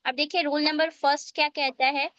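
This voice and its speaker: Woman teaching english on a video call, high bright voice, slow careful explaining, dry muffled sound. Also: steady tone, no echo. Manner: slow, explains step by step, checks often that students follow. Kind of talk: online spoken English class. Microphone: online video call.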